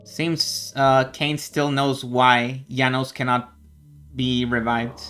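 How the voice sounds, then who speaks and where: Male game streamer: mid-range pitch, informal, off-the-cuff commentary, game music underneath. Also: little pitch movement, takes it slowly, fairly bright tone, clean tone. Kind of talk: casual gameplay commentary.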